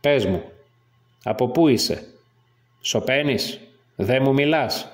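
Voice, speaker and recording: A man voicing a stern Roman governor, slow and measured, formal, torn, storybook reading. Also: medium pitch, expressive, natural voice. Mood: probing.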